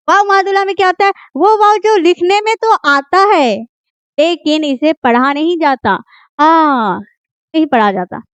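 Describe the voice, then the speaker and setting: A woman's voice: sits high, fairly bright tone, dry recording. A woman teaching a grammar lesson, who keeps asking the class questions and then answers them herself. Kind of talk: grammar lesson explained at a board.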